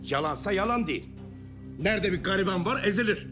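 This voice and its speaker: A defiant village craftsman, argues in a historical drama. His voice is high and indignant, full of rhetorical folk phrases. Music plays behind him. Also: lively intonation, fairly quick. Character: hot-headed, defiant male village felt-maker.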